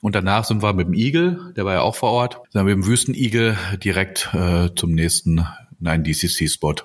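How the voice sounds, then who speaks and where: Male podcast co-host with a lowish voice, unhurried casual delivery. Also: animated. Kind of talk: casual chat.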